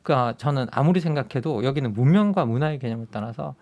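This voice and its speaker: A man speaking as a guest commentator in a radio studio, explaining his view with emphasis. His voice has a middle pitch that moves widely and expressively. He speaks into a studio microphone. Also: expressive, quick pace, a little mellow. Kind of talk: radio current-affairs discussion.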